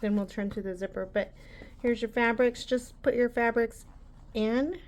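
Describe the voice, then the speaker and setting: A woman's voice: fairly high pitch, fairly even intonation, moderate pace, a little mellow. A woman hosting a casual embroidery tutorial, chatty and rambling with frequent ums.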